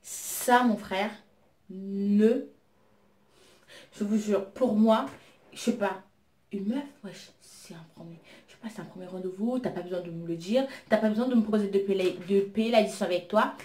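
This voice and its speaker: A woman chatting casually as she tells a story about her own life, retelling what she said with an indignant, lively edge. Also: medium pitch, moderate pace. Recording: roomy echo.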